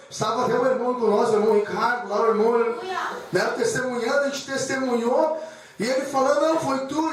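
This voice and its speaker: A man's voice: very high voice, slight background noise. A man preaching a sermon with personal testimony, emotional and repetitive, calling the congregation brothers. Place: church hall. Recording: echoey church hall from far off.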